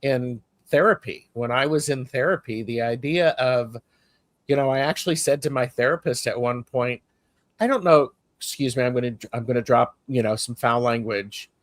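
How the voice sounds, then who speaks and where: A man's voice: medium pitch, normal speed, no room sound. A man hosting a heartfelt spiritual conversation, sharing personal stories with earnest feeling. His voice is dry and close, with little room sound. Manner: earnest, storytelling, emotional at times. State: emotional. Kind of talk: casual spiritual discussion.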